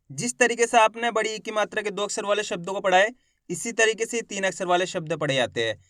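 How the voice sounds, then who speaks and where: A man teaches Hindi reading, speaking straight to his viewers as friends and drawing out each syllable slowly as he sounds it out. His voice is high and clear, smooth and resonant. The recording is dry and close, with no room echo. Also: fairly bright tone. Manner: slow drawn-out syllables when sounding out words; friendly direct address to viewers. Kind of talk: spoken lesson to camera.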